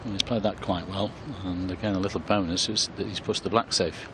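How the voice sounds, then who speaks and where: A man's voice: low-pitched, fairly even intonation, a little fast. A man giving live commentary on a snooker match as play unfolds. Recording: clear background noise.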